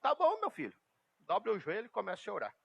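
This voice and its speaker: Brief: man playing a firm older pastor, curt and hushed, bright tone. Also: high-pitched, wildly swooping pitch, brisk, gravelly, husky, pitched above the performer's own voice, exaggerated voice. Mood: stern. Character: stern older male pastor correcting a student.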